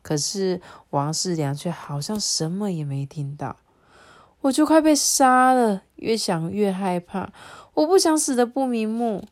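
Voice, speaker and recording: A woman's voice: mid-range voice, sing-song, measured pace, a little mellow. A woman reading a children's storybook aloud expressively and chatting about it with a child.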